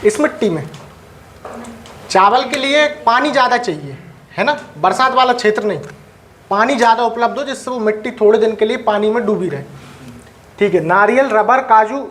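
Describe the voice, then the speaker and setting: During a live classroom lecture, a teacher dictates notes and keeps quizzing the students, regularly asking whether they have any doubts. The voice is medium-pitched and fairly bright, at a normal speed.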